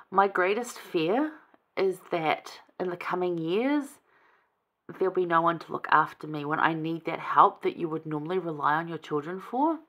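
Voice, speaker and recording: A woman's voice: lowish voice, gravelly, a bit bright. A woman giving a casual, chatty scripture lesson, enthusiastic and conversational. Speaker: scripture study teacher.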